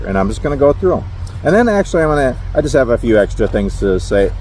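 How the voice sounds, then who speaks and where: Here a truck driver vlogger, a middle-aged man from Minnesota with the local accent, chats to camera from his parked truck at a rest area. His lowish voice has a darkish tone, with a little hiss or hum. He rambles, chuckles frequently and is self-deprecating.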